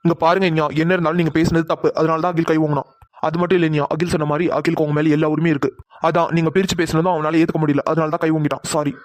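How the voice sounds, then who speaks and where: A polite young man, voiced by a man in a cartoon, offering gentle apologies. He speaks quickly in a slightly high voice, and the recording is dry and close. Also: little pitch movement, no room sound, lightly acted. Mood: apologetic. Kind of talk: cartoon voice acting.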